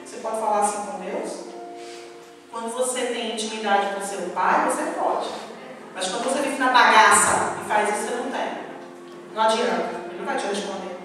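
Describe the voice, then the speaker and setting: A woman preacher, giving an animated sermon and acting out her own quoted words. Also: mid-range voice, moderate pace. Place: large church hall. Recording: echoey church hall from far off with music. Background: music.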